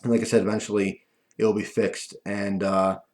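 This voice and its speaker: Lispy, low-voiced man missing front teeth. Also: little pitch movement, normal speed, a little mellow. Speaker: video host. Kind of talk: casual rambling talk to viewers.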